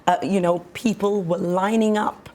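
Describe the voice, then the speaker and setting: A hoarse woman with very little voice left, co-hosting a panel discussion. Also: mid-range voice, steady tone, normal speed, a little mellow, slight background noise. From South Africa. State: hoarse, voice nearly lost. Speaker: talk show co-host.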